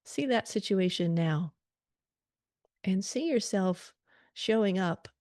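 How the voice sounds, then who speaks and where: Speaking in short, soothing phrases separated by gentle pauses, a woman leads a calm guided meditation prayer. Her pitch is medium, and the studio-quality recording is dry.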